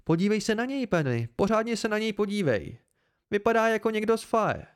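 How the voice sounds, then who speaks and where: Fields: Figure: man doing a bold flirty barmaid. Pitch: high. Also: sing-song, smooth. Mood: insistent.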